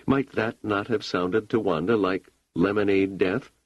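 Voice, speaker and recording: A man reading an audiobook, voicing a calm, probing woman who talks in a measured, persistent way. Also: fairly low pitch, no room sound, muffled recording. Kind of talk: audiobook character voice.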